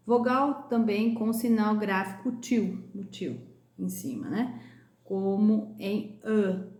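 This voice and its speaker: A woman teacher from Brazil walks young pupils through a lesson at a slow, patient pace. She stretches out sounds and words so each one is heard clearly. The room around her has a noticeable echo. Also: mid-range voice, a little mellow. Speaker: primary school teacher. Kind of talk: recorded class lesson correction.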